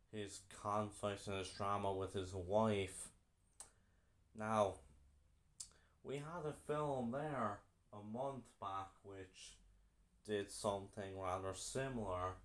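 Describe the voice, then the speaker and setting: A young man giving a casual film review, halting and often repeating himself. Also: fairly low pitch.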